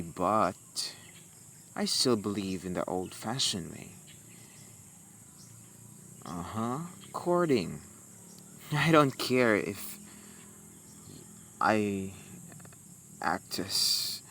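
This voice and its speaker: This amateur romantic roleplay audio drama features a man as a young warlock, his fairly low voice heavily acted. His delivery is very slow, halting, and soft-spoken, aimed intimately at the listener, over a noisy bed of crickets and nighttime forest sounds.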